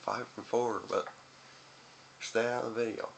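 Young dude w chewing tobacco in his mouth, croaky, casual sweary rambling, bit of hiss on a cheap mic. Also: medium pitch, flat delivery, a little slow. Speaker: video reviewer. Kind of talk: casual chat to camera. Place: small room indoors by a window. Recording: noisy webcam-style room recording.

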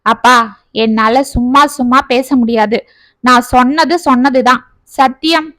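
A woman's voice: high voice, fairly even intonation, measured pace, a bit bright, no echo. A woman voicing a pleading, determined daughter. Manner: pleading, insistent. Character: determined young woman, college-age daughter.

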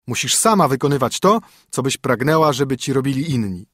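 A stern minstrel husband who is really a king in disguise, as a male narrator puts him on. He orders and scolds in a raised, louder voice with a husky grain. The sound is close and dry. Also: medium pitch, expressive, a little fast, no echo. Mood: scolding. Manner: scolding, commanding.

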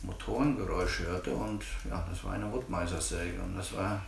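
A man in his fifties with a German accent gives steady, plain answers in a low, gravelly voice. He sits back from the camera in a living room, so the sound is roomy and distant, with a faint hiss underneath. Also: moderate pace. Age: 50s. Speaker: interviewee, sawmill operator. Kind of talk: casual interview. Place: living room by a tiled stove.

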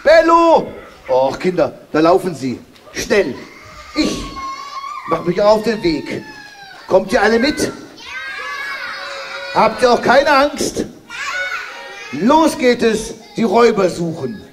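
A man's voice: high voice, slow, pauses often, noisy background, exaggerated voice. A man playing the cheerful, brave Kasper puppet hero, calling out to the children in a live puppet show. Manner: bright, lively, calls out to the children. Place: puppet stage before a live audience.

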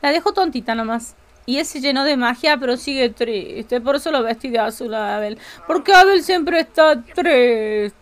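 A woman's voice: high voice, normal speed. A woman with a Rioplatense Spanish accent chatting and giggling casually while commenting on a life-sim game she streams.

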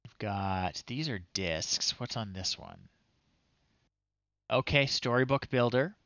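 Trying old software on a livestream from a small room in his home, a man in his thirties mutters short phrases and thinks out loud. His mid-range voice has lively intonation and a slightly bright quality, and he speaks slowly. There's no echo, though the audio is dull.

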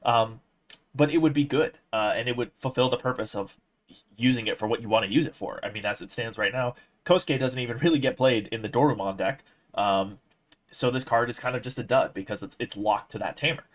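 A young man giving casual, opinionated commentary on a card game, explaining his points in a measured way. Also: medium pitch. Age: young adult.

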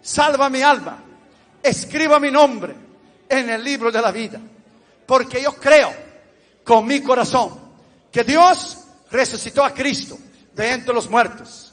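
A man preaching an altar call, pleading with listeners and then praising loudly. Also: very high voice, slow pace, pauses often. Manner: pleading, then exultant and shouting. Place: large church hall. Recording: reverberant hall with music and congregation.

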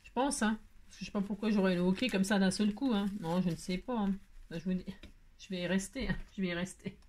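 A woman with a mid-range, darkish voice and fairly even intonation talks fast as a craft vlogger, casually chatting to viewers while she opens mail. She gushes, repeats her exclamations and often breaks off to begin again.

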